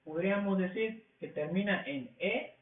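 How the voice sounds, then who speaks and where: A man teaching a language class, explaining rules slowly and asking questions that he answers himself. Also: high voice. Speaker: English teacher. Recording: tinny, echoey, from far off the mic.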